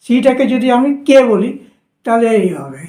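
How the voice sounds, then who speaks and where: A high-pitched woman with a Bengali accent walks students through shorthand strokes at the board, going over each step again and again. Her voice rings around an echoey room. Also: big pitch swings, normal speed, mellow. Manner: instructive, repeats steps patiently. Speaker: shorthand teacher. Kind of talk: whiteboard lesson for students.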